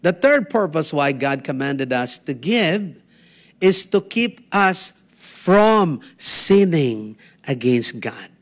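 High-voiced pastor preaching slowly. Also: male voice, sing-song. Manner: preaching with emphatic call-and-response. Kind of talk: sermon.

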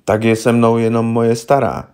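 A man's voice: medium pitch, monotone, a little mellow, clear, resonant tone, close to an everyday voice. A man voicing a simple, stubborn farmer who talks bluntly and plainly in a rustic way. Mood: plainspoken. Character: simple, stubborn middle-aged male farmer accused of murder.

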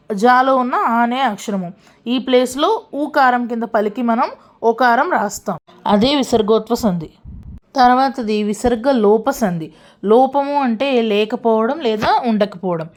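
A woman teaching a grammar lesson, slowing down for each worked example and often asking the listener if they have followed. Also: fairly high pitch. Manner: asks the listener frequent check questions; slows down to spell out worked examples.

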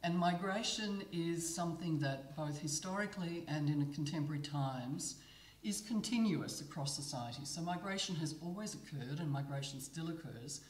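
Woman, measured panel talk. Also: low voice. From Australia. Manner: measured, thoughtful, many ums and pauses. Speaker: panelist, migration researcher. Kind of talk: panel talk at a book presentation. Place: gallery room, panel at a table. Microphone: table mic on a stand. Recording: roomy gallery echo.

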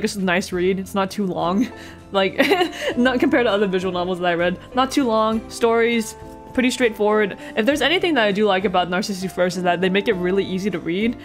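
With a medium-pitched voice, a young woman streams a story game and gives casual, meandering reaction commentary, giggling and trailing off as faint game music plays behind her.

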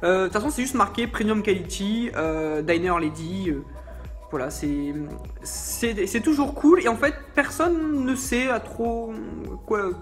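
A man unboxes vape products with a playful, self-mocking humor, tossing out animated asides as he goes. Faint music plays quietly behind his voice. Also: high-pitched, measured pace. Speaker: vape reviewer. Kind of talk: joking unboxing vlog.

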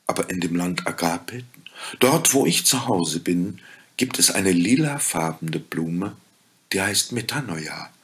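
Ein Mann spricht in einer Märchenlesung eine gütige Fee, leise, langsam und sanft. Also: male voice, sits low, expressive, breathy edge, heavily acted. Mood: gentle. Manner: soft, slow and quiet. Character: gentle kind fairy woman, calm and wise.

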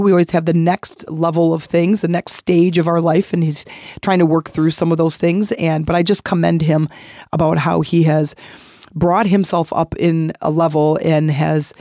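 A middle-aged woman with a raspy voice, hoarse from laryngitis, hosting a motivational podcast in a conversational, encouraging way. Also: deep voice, warm tone, no echo, studio quality. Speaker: podcast host.

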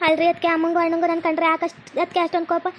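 A grieving young sister in a cartoon, voiced by a woman speaks with a North Karnataka Kannada accent. Her very high voice rushes along in a flat tune. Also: heavy background noise. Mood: plaintive. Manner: plaintive, pleading. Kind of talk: cartoon voice acting.

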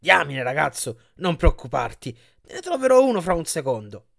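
A man's voice: a little high, sing-song, normal speed, creaky, a bit bright, heavily acted. A man doing a smarmy giant salesman. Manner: oily salesman patter.

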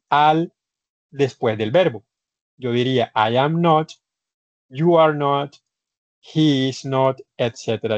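A man with a Colombian Spanish accent teaches an online English class, breaking down grammar step by step, repeating his points and speaking formally to his students. His voice is fairly high, and the sound is lo-fi with no echo.

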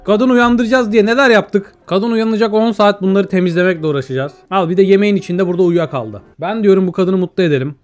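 A man's voice: high-pitched, fast, hardly any pauses, darkish tone, faint music behind. Young man chatting over a game. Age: young adult. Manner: chatty, talks to himself and the viewers while playing; reads out in-game dialogue. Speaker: gaming YouTuber. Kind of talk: let's play commentary.

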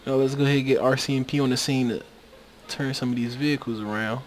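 At a quick pace, a medium-pitched man with fairly even intonation offers casual, rambling commentary on his gameplay. Over slight background noise, his USB microphone cuts out as he keeps using fillers and restarting.

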